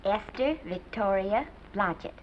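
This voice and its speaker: Shy young woman hopeful, an actress doing her, soft and earnest, lively pitch. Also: a little slow, a little hiss or hum, close to an everyday voice. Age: young adult. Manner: hesitant, soft-spoken, earnest. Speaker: aspiring actress. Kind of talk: 1930s film acting. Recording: dull 1930s film soundtrack.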